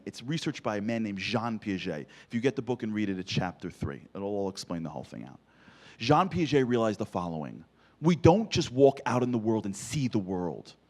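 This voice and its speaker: A man's voice: medium pitch, darkish tone. A man giving a comic, storytelling motivational speech, punchy and full of rhetorical questions. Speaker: motivational speaker.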